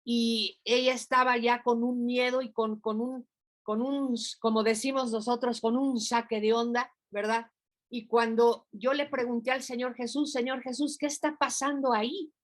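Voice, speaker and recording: A woman's voice: a little high, level tone, a little slow. An older woman pastor, preaching in a conversational way and acting out prayers and dialogue. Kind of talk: informal sermon.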